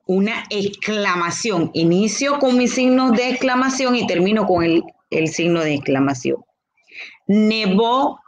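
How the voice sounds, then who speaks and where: Honduran spanish teacher lady, slow careful grammar explaining, asks herself questions. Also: mid-range voice. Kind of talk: grammar lesson.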